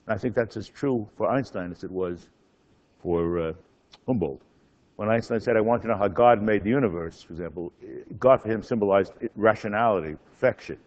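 An older man giving a public academic lecture in a genial, halting way. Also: on the low side, darkish tone. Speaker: professor, guest lecturer. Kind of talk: public lecture, loosely scripted. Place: speaking at a public lecture event. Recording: slightly dull, muffled lecture recording.

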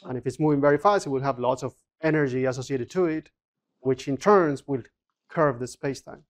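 Lecturer, mid-pitched, explains calculations aloud, halting and self-correcting. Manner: explanatory, with frequent restarts and fillers. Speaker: physics lecturer. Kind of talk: university lecture. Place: lecture room.

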